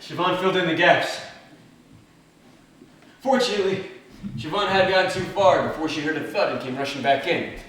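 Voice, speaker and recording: A man's voice: on the high side, moderate pace, pauses often, a bit bright. Echoey, distant man performing a stage monologue. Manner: dramatic storytelling with wry, dry humour. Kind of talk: theatrical first-person monologue.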